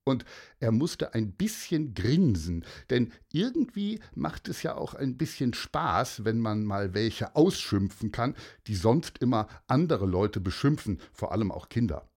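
A man narrating a children's story with playful, expressive emphasis. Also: medium pitch, a little slow.

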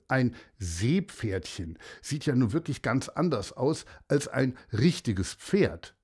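A storyteller reading a children's story aloud with an expressive delivery. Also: medium pitch, husky.

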